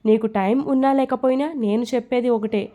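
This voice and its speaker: A woman's voice: a little high, fairly even intonation, a little fast, dark tone, close to an everyday voice. A woman reading the part of an indignant young man protesting his innocence in an audio story. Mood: defiant. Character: defiant young man under interrogation, protesting.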